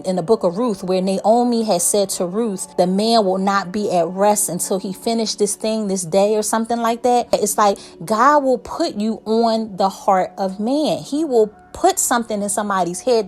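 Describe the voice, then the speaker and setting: A woman preaching informally and conversationally, retelling stories in an animated, colloquial way and speaking straight to her listeners. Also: medium pitch. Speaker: online preacher sharing a prophetic word. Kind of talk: informal sermon, storytelling to camera.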